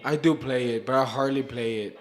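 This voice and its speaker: A man in his late twenties, a guest on a casual podcast chat, telling animated stories in slangy talk with Spanish words mixed in. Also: medium pitch, a little fast. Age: 20s. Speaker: podcast guest, rapper and producer.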